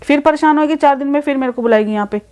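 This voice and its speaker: A woman's voice: high-pitched, racing, darkish tone. Distressed middle-aged mother, complaining. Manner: distressed, complaining, quoting her daughter. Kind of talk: scripted family vlog skit.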